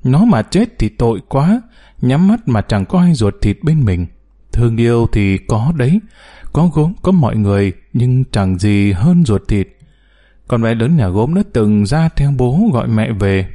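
A man reading a story aloud as narrator, telling it in an expressive way. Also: medium pitch, unhurried. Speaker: audiobook narrator.

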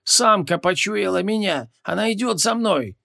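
A man voicing a male scorpion-man demon in an audiobook, with a hoarse, wheezy voice and curt replies. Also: high-pitched, very animated, takes it slowly, dry recording, studio quality, voice pushed up, heavily acted. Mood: panicked. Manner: terse one-word answers.

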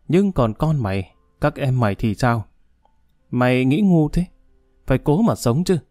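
A man doing a gruff, scolding prison guard. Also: mid-range voice, mellow, dry recording, studio quality, close to an everyday voice. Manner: scolding, coarse. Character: gruff blunt male prison guard, mocking.

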